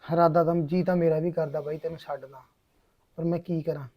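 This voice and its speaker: A man's voice: on the high side, little pitch movement, highs cut off, natural voice. A man playing a remorseful young kidnapper. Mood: bitter. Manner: halting, confessional, repeats phrases. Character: young male kidnapper, poor, bitter and remorseful. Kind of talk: short film drama acting.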